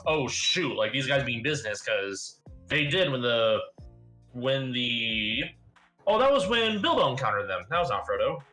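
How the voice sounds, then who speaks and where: A man's voice: medium pitch, sing-song, moderate pace, bright, forceful tone. A man chatting casually through his turn in an online card game, rambling and self-mocking. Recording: faint background music.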